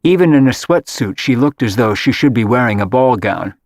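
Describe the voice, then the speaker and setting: A man narrating an audiobook in a steady, measured reading. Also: medium pitch, no room sound, studio quality. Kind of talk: scripted narration.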